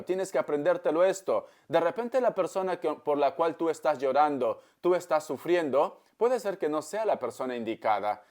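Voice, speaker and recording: This tarot reader has a fairly high, slightly mellow male voice. Speaking to camera in a tarot reading monologue, he tells a parable in a preachy storytelling style, often calls the listener "darling," and frequently brings up God.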